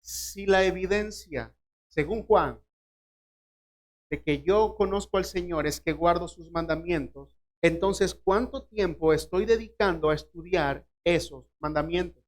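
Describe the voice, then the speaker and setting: A man's voice: high voice, a little slow. Man preaching, pressing the congregation with questions. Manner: questions the listeners directly, acts out short biblical dialogues. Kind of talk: sermon.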